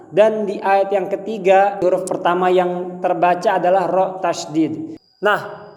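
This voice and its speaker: A high-pitched male teacher with an Indonesian accent gives a recitation lesson. He over-enunciates, shaping each syllable with great care as he explains and demonstrates. His voice rings with echo and a long reverb tail. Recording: echoey, long hall-like reverb.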